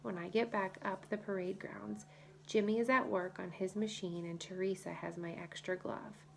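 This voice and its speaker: A woman reading a first-person children's novel as audiobook narrator, in a lively storytelling manner. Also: mid-range voice, normal speed, gravelly, a little hiss or hum.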